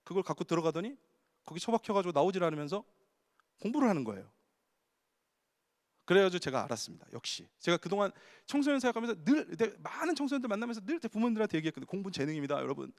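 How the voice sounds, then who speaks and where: A man's voice: sits high, sing-song, very fast. A man in his forties, a pastor preaching to his congregation and telling funny family stories. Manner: humorous anecdotal storytelling to the congregation. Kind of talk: sermon at a Friday prayer meeting. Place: large church sanctuary. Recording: long hall reverb from the sanctuary.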